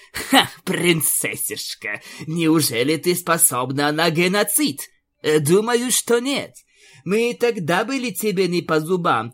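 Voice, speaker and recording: Sneering female vampire pony boss in an audiobook, done by a male reader, unhurried and condescending. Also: high-pitched, fairly bright tone, voice pushed up, heavily acted. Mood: mocking. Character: cold, mocking female vampire pony leader. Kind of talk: audiobook character voice.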